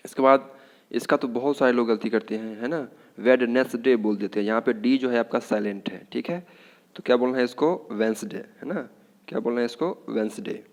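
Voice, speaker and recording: A man's voice: medium pitch, fairly quick, darkish tone. Indian man teaching pronunciation. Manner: repetitive, keeps asking "what should we say". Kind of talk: explanatory classroom lesson.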